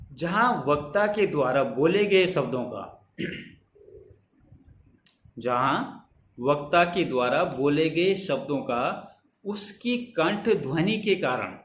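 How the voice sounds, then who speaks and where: A man teaching grammar in a lecture style, explaining terms slowly and reciting example verses. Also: a little high, roomy sound.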